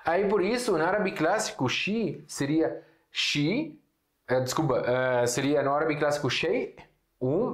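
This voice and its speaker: A native Arabic speaker from Syria, with a Syrian Arabic accent, teaches a casual online lesson. He explains slowly, drags out example words, and fills his speech with fillers and restarts. His mid-range voice is a bit bright, and the sound is reverberant.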